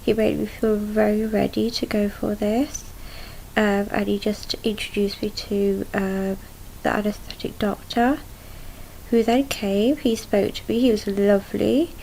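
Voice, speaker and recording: Young female diarist, lowish creaky voice, subdued and halting, casual recounting over noticeable noise. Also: level tone, mellow, rough recording. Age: young adult. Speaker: patient recording a video diary. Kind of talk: casual video diary recounting events. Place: small room at home, indoors.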